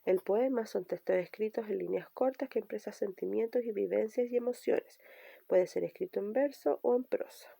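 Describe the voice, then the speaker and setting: A woman teacher walks pupils through spelling rules, restating each point patiently. Her voice is gravelly and darkly mellow. The recording is dry and close. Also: mid-range voice, normal speed, no echo. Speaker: primary school teacher. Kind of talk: recorded remote language lesson.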